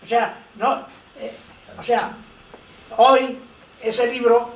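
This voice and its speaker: A man's voice: very high-pitched, level tone, very slow, a bit bright, slight background noise. An older man on a conference panel, telling anecdotes and quoting dialogue as he speaks. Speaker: lawyer and researcher speaking on a panel. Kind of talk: conference talk. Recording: echoey hall, distant mic.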